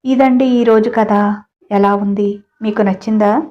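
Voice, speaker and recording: A woman's voice: a little high, steady tone, unhurried. Woman reading a story, lo-fi sound. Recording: dull lo-fi audio.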